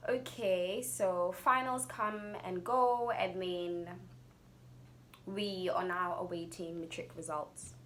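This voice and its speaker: A young adult woman with a South African accent tells a personal story in a casual, chatty, expressive vlog style. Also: on the low side, slow pace, a little hiss or hum. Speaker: YouTuber telling a personal story.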